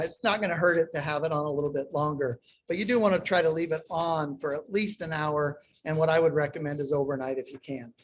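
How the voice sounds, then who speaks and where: A man's voice: on the high side, slight background noise, rough recording. Man on a choppy call, volume dropping in and out. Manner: explains step by step while handling the food. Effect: audio cutting in and out, uneven volume over an unstable internet call. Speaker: cooking instructor. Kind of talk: live online cooking demonstration. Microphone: video call.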